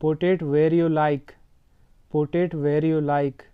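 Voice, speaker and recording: A man whose first language is Telugu, with a Telugu accent, teaches everyday English sentences in a slightly high, flat voice. He speaks each line slowly and repeats it for learners. His tone is smooth, and the audio is dull and lo-fi. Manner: slow, deliberate repetition. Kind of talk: slow sentence drill, Telugu then English twice.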